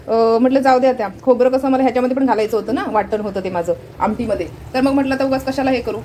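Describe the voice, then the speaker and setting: A woman's voice: on the high side, warm tone, a little hiss or hum. Chatty Marathi woman showing her home. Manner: chatty, repeatedly pointing things out to viewers. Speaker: vlogger. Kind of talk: casual home vlog narration. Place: home kitchen.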